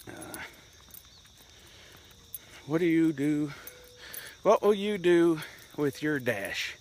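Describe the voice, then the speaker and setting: Walking uphill outdoors and a touch out of breath, a middle-aged man vlogs in a casual, rambling, reflective monologue. His voice is a little high with a darkish tone, and he sounds animated yet speaks extremely slowly over slight background noise.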